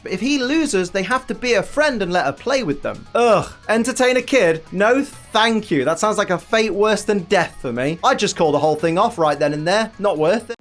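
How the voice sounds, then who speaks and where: A man gives sarcastic running commentary on a cartoon, full of dry asides. His pitch swings widely from line to line, and faint music plays underneath. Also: a bit bright. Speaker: commentary host.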